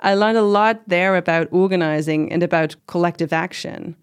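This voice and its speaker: A woman's voice: lowish voice, normal speed, clear, resonant tone, natural voice. A woman playing a proud middle-aged commune organizer in an interview drama, talking in a casual, reflective, lightly wry way. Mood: reflective, candid. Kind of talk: conversational oral-history interview acting.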